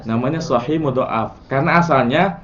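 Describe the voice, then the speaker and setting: A man's voice: mid-range voice, moderate pace, a crowd in the background. Chatty male teacher, dull lo-fi recording. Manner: relaxed, chatty, quizzes students, chants word patterns. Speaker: Arabic morphology teacher. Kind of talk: casual classroom lesson.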